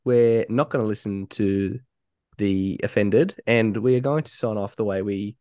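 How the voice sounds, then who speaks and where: A man's voice: lowish voice, a little slow, mellow, dry recording, studio quality. An Australian man hosting a sports podcast in casual, chatty style. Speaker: podcast host. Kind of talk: casual rugby league podcast chat.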